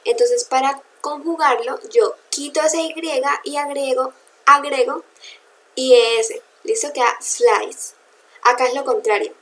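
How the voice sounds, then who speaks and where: Slow, patient teacher woman. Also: high voice, steady tone, fairly bright tone, poor audio. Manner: patient, spells out letters, checks in with "¿listo?". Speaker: English teacher. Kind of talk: recorded grammar lesson.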